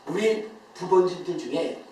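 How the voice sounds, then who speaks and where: In a church sanctuary, a male pastor delivers a Sunday sermon with emphasis, his fairly high, expressive voice carrying a dark tone at an unhurried pace. He quizzes the congregation and laughs often while speaking. The very echoey recording captures him from far off, with slight background noise.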